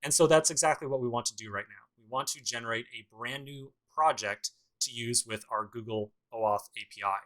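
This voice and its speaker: Brisk and with few pauses, a programming instructor's medium-pitched voice sounds pushed and bright over a low-quality recording. He talks through each step of a casual screencast tutorial, adding dry sarcasm along the way.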